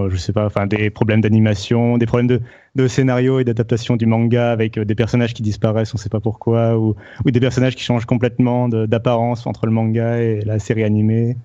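A young man chatting on a podcast panel, halting with many fillers and restarts. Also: on the low side, mellow, dull audio. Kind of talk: casual podcast chat.

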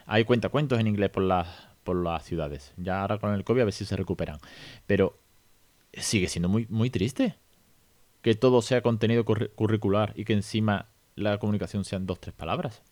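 A man in his thirties hosting a podcast, talking casually with frequent "¿no?" tags and animated rhetorical asides. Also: lowish voice, brisk, no room sound. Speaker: podcast host.

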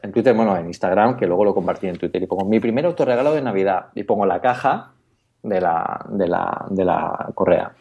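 Lively man telling a story. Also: deep voice, fairly quick, creaky, slightly rough, muffled recording. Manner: lively storyteller, laughs often, many restarts. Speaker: podcast co-host. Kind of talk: casual podcast chat, personal anecdote.

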